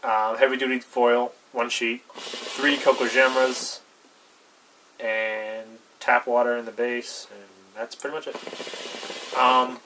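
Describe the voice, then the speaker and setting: A man's voice: mid-range voice, flat delivery, slow pace, long pauses. Young guy doing a casual review, kinda chill n hesitant, bit far from the mic, noisy. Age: young adult. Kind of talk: casual unscripted review chat. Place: small cluttered indoor room with brick wall. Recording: distant mic, clear background noise.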